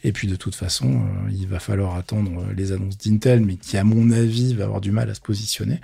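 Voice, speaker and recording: A man's voice: lowish voice, steady tone, a little fast, gravelly, warm tone, husky, dry recording. A man chatting casually about tech news, slangy and loose, with many fillers and a dry, thirsty mouth. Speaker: tech commentator.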